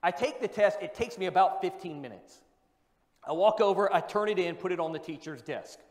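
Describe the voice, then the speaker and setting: High-voiced male preacher in an echoing hall. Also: brisk. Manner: asks rhetorical questions and repeats key points for emphasis. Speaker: pastor. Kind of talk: sermon. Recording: long reverb of a large hall.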